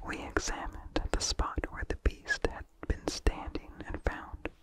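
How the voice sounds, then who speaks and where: This vintage horror tale is delivered wholly in a soft, breathy ASMR whisper, the narrator choosing words with careful, deliberate pacing.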